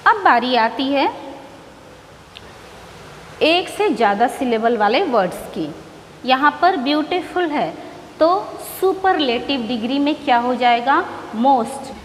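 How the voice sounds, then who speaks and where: A woman teaching an English grammar lesson, explaining slowly and repeating each word. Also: high-pitched, expressive. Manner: slow, repetitive explaining, mixing English words. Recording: echoey room with faint background noise.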